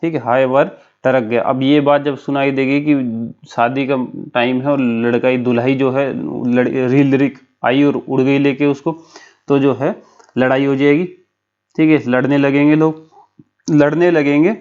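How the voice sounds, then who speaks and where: A man's voice: mid-range voice, flat delivery, measured pace, darkish tone, highs cut off. A man teaching a lesson for an exam, explaining step by step with a memory story and often checking in with his listeners.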